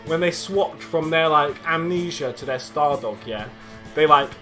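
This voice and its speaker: A young man telling a story casually, animated, laughing often, with heavy slang and swearing. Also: a little high, unhurried, soft background music. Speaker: vlogger.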